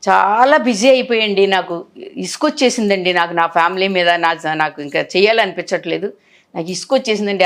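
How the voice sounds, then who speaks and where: A woman in her sixties, an actress telling emotional stories of her film career in an interview, acting out what others said to her. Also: mid-range voice. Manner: animated, acts out others' words in quotes.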